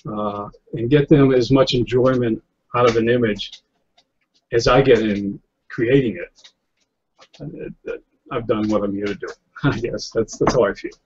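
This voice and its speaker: Brief: middle-aged man, New England-raised photographer, mid-pitched, meandering and filler-heavy, muffled webcam call audio. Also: fairly even intonation, measured pace, long pauses, darkish tone, slight background noise. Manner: rambling, many fillers and restarts, chuckles often. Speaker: guest photographer. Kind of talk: casual interview conversation. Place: indoor room, seated in office chair. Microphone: webcam on a video call. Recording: slightly lo-fi video call audio.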